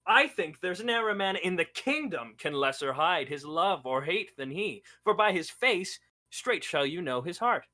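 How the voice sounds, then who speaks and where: A student actor playing a trusting, rueful English lord in a Shakespearean radio play, declamatory and measured. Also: mid-range voice, animated, pushed and bright. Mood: deferential.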